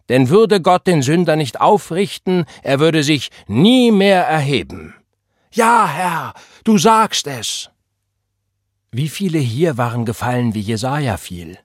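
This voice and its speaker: A man voicing a fervent young male revival preacher, crying out with rising calls and drawn-out stresses. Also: on the high side, no room sound, clean studio sound, voice pushed up. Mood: solemn. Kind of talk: impassioned sermon.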